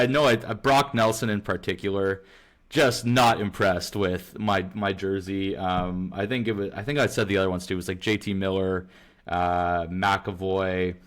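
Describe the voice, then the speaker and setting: Rambling young man, low-ish voice. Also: a bit bright. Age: young adult. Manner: rambling, heavy on filler words and self-corrections. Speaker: podcast co-host. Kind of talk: casual storytelling chat.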